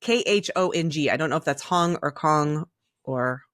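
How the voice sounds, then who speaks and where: A podcast co-host chats candidly and enthusiastically on a casual conversational show, drifting into rambling asides while sitting close to the mic. Her voice is low-pitched yet fairly bright, at a moderate pace, with no room sound.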